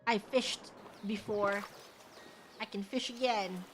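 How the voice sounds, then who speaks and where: A woman's voice: mid-range voice, steady tone, slow pace, slight background noise. A woman game streamer giving casual, playful gameplay commentary with theatrical reactions.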